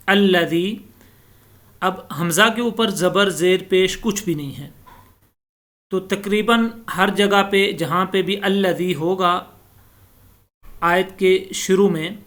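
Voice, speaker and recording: A man teaching Quran recitation, explaining pronunciation rules and chanting each verse slowly. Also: sits high, a bit bright. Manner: slow explanatory teaching, recites verses in drawn-out melodic style.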